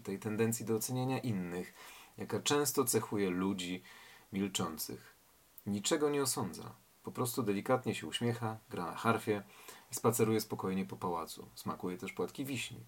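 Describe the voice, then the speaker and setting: Husky-voiced man reading and reflecting. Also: lowish voice, normal speed. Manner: reflective, asks rhetorical questions. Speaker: reader and literary commentator. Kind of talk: story reading with commentary.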